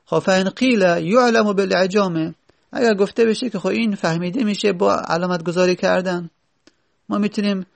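A man's voice: high voice, gravelly. A man teaching Arabic grammar in a seminary-style lecture. He reads short Arabic phrases, then explains and repeats them.

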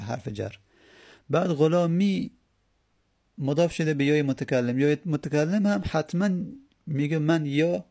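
Gravelly-voiced man teaching grammar. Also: on the high side, dark tone. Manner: patient, explanatory, asks and answers his own questions. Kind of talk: classroom lesson explaining grammar.

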